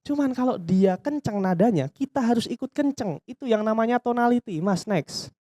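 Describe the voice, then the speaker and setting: A business trainer gives a casual seminar talk in a lively, mid-range voice, and the recording is dry. He acts out customer dialogues in quick voices, speaks directly to the audience, and poses questions he then answers himself.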